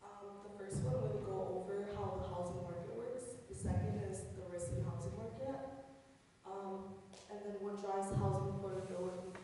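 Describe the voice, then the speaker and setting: A woman student presents her research to the class, listing points with occasional fillers. Her voice is mellow and sits far from the mic. A long classroom reverb and a faint hiss surround her. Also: mid-range voice, fairly even intonation, normal speed. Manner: reads a list of topics, hesitant with fillers.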